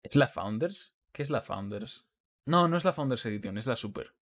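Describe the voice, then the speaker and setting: A man's voice: mid-range voice, animated, normal speed, a bit bright. A man with a Madrid Spanish accent giving casual, rambling commentary while streaming a game, full of self-mocking jokes. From Spain. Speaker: gaming streamer.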